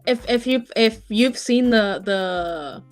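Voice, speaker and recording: A woman's voice: on the high side, takes it slowly, soft background music. A woman co-hosting a casual stream, playful and a bit hesitant. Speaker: co-host.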